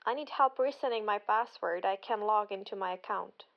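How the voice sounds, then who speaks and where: A woman's voice: mid-range voice, moderate pace, gravelly, highs cut off, lightly acted. A woman playing a friendly office employee who calls the help desk in a matter-of-fact way during a scripted support call. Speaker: caller.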